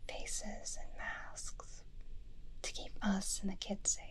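A young woman does an ASMR roleplay as an affectionate, teasing superhero wife, a playfully bossy witch doting on her husband. She speaks softly, tenderly and slowly, close to a binaural ASMR microphone for an intimate feel.

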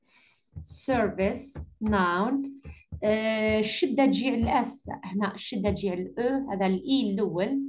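A woman with an Algerian Arabic accent correcting an English exam for her students, patiently repeating key words slowly. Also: mid-range voice, a little hiss or hum. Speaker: English teacher.

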